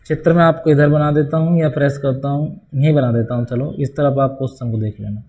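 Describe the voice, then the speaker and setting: A man's voice: mid-range voice, steady tone, fairly quick, mellow. A man teaching a board-exam maths lesson, talking through each step and asking the class questions that he answers himself. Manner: often addresses students as "bhai".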